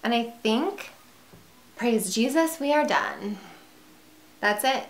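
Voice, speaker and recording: A woman's voice: fairly high pitch, animated, slow pace. A woman vlogger chatting casually to camera at home, rambling a little with fillers. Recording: roomy echo.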